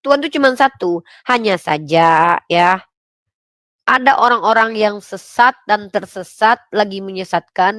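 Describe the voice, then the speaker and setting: A woman's voice: medium pitch, no room sound. A young woman, hosting a heated debate and pressing her questions insistently. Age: young adult. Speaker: debate host. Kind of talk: heated online religious debate.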